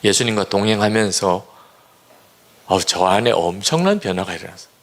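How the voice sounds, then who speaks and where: Man, fifties, pastor, gravelly sermon voice, earnest storytelling. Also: fairly low pitch, animated, fairly quick. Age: 50s.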